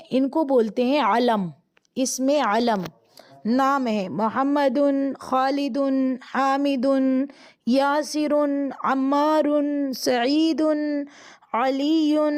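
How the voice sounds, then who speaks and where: A woman with a Pakistani accent teaching an Arabic grammar lesson, who explains in quick bursts and slows right down to recite each word. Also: high voice, darkish tone. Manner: explains in quick bursts, drawls slowly when reciting words.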